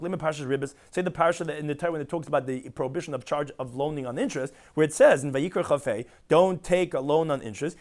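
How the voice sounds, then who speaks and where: A man teaching a daily Talmud class, explaining each term in English with rhetorical questions. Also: fairly high pitch. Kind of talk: Talmud lecture mixing Hebrew and Aramaic terms with English explanation.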